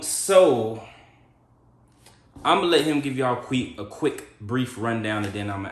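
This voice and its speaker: A man's voice: deep voice, a bit bright, slight background noise. A man hosting a show, talking loosely in slang as he comments at length. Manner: rambling, loose slang, frequent fillers. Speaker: podcast host. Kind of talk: casual commentary. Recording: echoey room.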